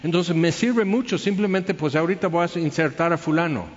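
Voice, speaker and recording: A man with a Mexican accent preaching a sermon, animated, firing off rhetorical questions and acting out the people he quotes. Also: on the high side, a little fast. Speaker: pastor. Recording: echoey hall, dull lo-fi sound.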